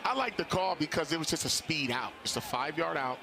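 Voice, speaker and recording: A male color analyst chats informally about the plays at a live football game, sounding animated with a slightly high pitch and a slightly fast pace. Stadium noise from outdoors comes through clearly behind him.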